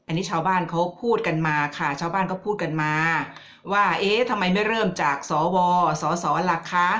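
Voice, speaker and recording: A woman's voice: fairly low pitch, moderate pace, a bit bright. A woman vlogger giving casual political commentary, chatty and teasing as she addresses her viewers directly.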